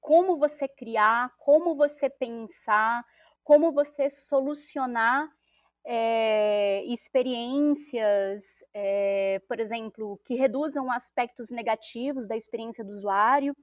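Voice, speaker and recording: A woman, a podcast guest who explains things step by step, filling pauses as she lists her points. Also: fairly high pitch, no echo, clean studio sound. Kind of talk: casual podcast conversation.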